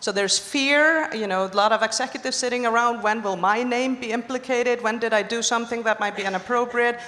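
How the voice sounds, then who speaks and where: A woman from Iceland talks on a conference panel with earnest conviction, her voice sitting a little high. Her words ring out with the long reverb of a large hall. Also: a little fast, a bit bright. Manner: earnest, building on others' points. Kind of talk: panel discussion.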